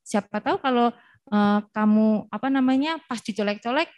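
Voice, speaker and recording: A woman's voice: fairly high pitch, moderate pace, a little mellow, no echo. Woman patiently explaining child upbringing. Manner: explains with worked examples of talking to children. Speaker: early childhood education expert. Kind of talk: talk show guest explaining.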